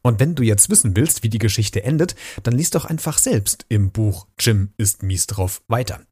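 Husky-voiced man reading aloud. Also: lowish voice, expressive, normal speed, darkish tone, no room sound, studio quality. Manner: friendly, addresses children directly. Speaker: podcast host. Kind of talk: reading a children's book aloud.

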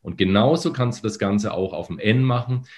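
A male voice coach with a fairly low voice that is still a bit phlegmy from the morning. He explains patiently and breaks into hummed syllables and drawn-out sung lines to demonstrate. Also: a little mellow. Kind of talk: demonstrating voice exercises in a podcast.

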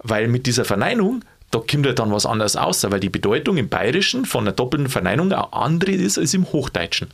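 A man with a Bavarian accent chats casually as co-host, musing and playful and quick to laugh. His voice is gravelly with a little fry. His pitch rises and falls widely as he talks. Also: very animated. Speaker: podcast co-host. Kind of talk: casual chat.

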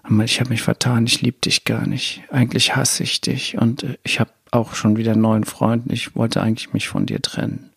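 A man's voice: medium pitch, expressive, brisk, creaky, few pauses, husky, no echo, studio quality. A man voicing a young woman who coldly breaks up with her boyfriend, in his own plain voice.

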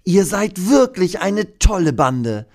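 A man voicing an excitable, friendly dinosaur mascot in a high, gushing, wide-eyed voice. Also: takes it slowly, full character voice. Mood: excited.

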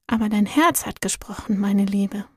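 A woman voicing a gentle, kind male guardian angel, speaking calmly and softly. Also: medium pitch, normal speed, husky, no echo, studio quality, lightly acted. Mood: gentle, reassuring. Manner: calm, soft and reassuring.

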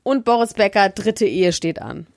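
A woman chats casually as a gossip podcast co-host. Her voice is middling in pitch with plenty of vocal fry, recorded close and dry. She talks colloquially, rephrasing as she goes. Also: expressive, moderate pace, a little mellow, no room sound. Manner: chatty, colloquial, self-correcting. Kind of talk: casual chat about celebrity gossip.

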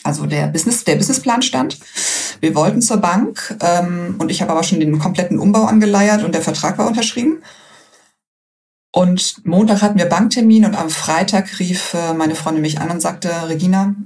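A woman telling her story as an interview guest in a lively, anecdotal way, full of fillers and acting out the dialogue she quotes. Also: on the low side, moderate pace, distant mic. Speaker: interview guest, salon owner.

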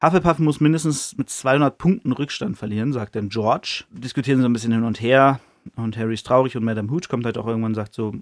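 A man's voice: medium pitch, quick pace, no room sound, clean studio sound. A man hosting a podcast, casually retelling a book chapter in a loose, slangy way with plenty of fillers. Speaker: podcast host.

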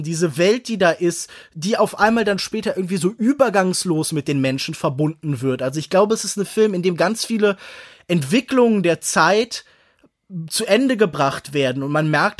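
High-voiced man analysing a film. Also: dry recording, clean studio sound. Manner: reflective, searching for words, long winding sentences. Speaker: podcast co-host, film critic.

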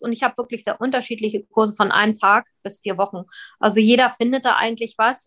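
A woman's voice: fairly high pitch, a bit bright. A woman guest talking casually over a video call, chatty with frequent restarts. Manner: chatty, many restarts and fillers. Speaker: guest, flower school founder.

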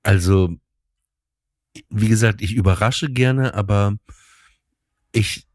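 Rambling man with a low, dry voice. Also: takes it slowly, no room sound. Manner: rambling, hesitant, many ums and restarts. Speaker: podcast co-host. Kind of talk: casual bedtime chat.

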